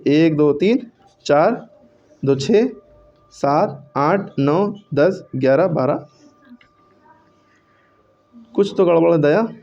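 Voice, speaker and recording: Male teacher, slightly high voice, classroom lesson, counts aloud and self-corrects; dull lo-fi recording. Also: lively intonation, drawn-out words, gravelly, pauses often, darkish tone. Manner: counts syllables aloud, checks and corrects himself. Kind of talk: classroom lesson on Hindi verse meter.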